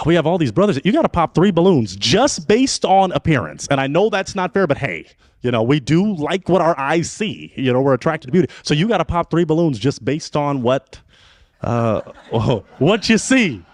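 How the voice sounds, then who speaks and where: A man runs a dating game show with a showman's patter, his pitch swinging high and low. He sounds close and dry, without room echo. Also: normal speed. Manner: animated, showman emcee patter.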